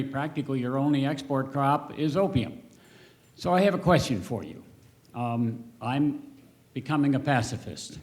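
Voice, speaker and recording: An older man, a political economist, asking a formal, deliberate question from the audience. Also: mid-range voice, mellow.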